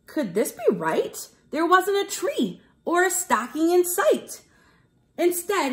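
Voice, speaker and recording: A woman teacher with a high-pitched voice reads to young children in a lively storytelling manner, explaining things simply.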